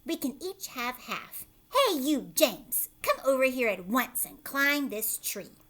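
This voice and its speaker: Woman acting out loud, greedy Aunt Sponge. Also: sits high, very animated, slow, pitched above the performer's own voice, heavily acted. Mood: bossy, greedy. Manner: loud, disbelieving, demanding. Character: Aunt Sponge, greedy scornful bossy older aunt.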